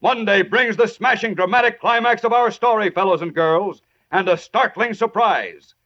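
A man's voice: high voice, moderate pace, sharp tone. A man narrating as a 1940s old radio announcer, with an urgent, theatrical, emphatic scripted delivery. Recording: noisy, dull vintage radio recording.

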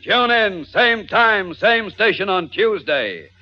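A male announcer delivers dramatic old radio serial copy in a declamatory manner. His voice sits somewhat high, on a muffled vintage disc with faint music. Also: lively intonation, takes it slowly.

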